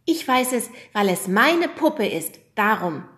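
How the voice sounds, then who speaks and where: A woman's voice: on the high side, very animated, takes it slowly, fairly bright tone, pitched above the performer's own voice, full character voice. A woman voicing a confident little schoolgirl who tells her story herself, in a storybook reading. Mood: matter-of-fact. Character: self-assured little schoolgirl.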